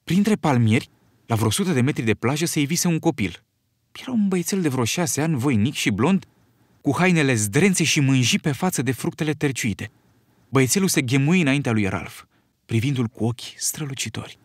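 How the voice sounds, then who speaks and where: Man, audiobook narrator, expressive, lively pitch, dry close sound. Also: no room sound. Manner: expressive, storytelling. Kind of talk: scripted narration.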